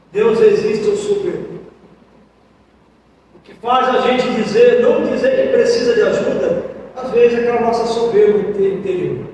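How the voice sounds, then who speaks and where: A man with a very high voice preaches an impassioned sermon, rising to cries and dropping to near whispers. The sound is from a church sanctuary, with heavy echo and a long reverb trailing after each phrase. He sounds set back from the mic, over a faint background hiss. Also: distant mic. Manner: impassioned preaching, swinging between shouts and hushed pleas. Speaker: pastor. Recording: echoey church hall, mic heard from afar.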